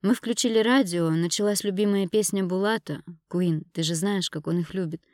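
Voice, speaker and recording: A woman's voice: medium pitch, normal speed, a little mellow, dry recording, studio quality, lightly acted. A woman voicing a spiteful scornful young woman. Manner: mocking, accusing. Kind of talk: audiobook character voice.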